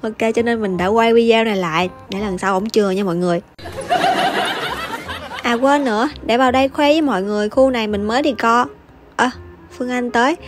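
A young woman gives teasing, chatty commentary over her gameplay and laughs often. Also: fairly high pitch. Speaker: gaming YouTuber. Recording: voice over loud background music.

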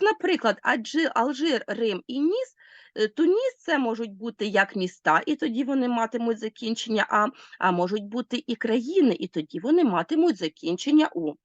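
Ukrainian teacher listing word endings. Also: female voice, medium pitch, no room sound, muffled recording. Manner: lists word forms one by one, stressing endings; addresses pupils directly with instructions. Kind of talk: recorded grammar lesson.

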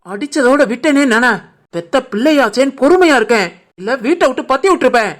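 A woman's voice: sits high, animated, fast. Atthai, a woman doing a protective older mother-in-law. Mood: scolding. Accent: Tirunelveli Tamil. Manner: firm, scolding. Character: caring older mother-in-law, protective, stern with her daughter. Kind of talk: animated family cartoon voice acting.

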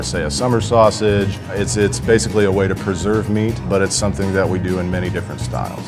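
Low-voiced man, a chef in interview. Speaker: chef de cuisine, contestant. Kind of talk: on-camera interview. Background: guitar music.

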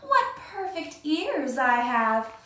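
A woman's voice: high voice, very animated, takes it slowly, sharp tone, roomy sound, recorded from a distance, pitched above the performer's own voice, full character voice. A woman reading a picture book aloud, voicing a vain, boastful little girl in a red cape. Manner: boastful, self-admiring.

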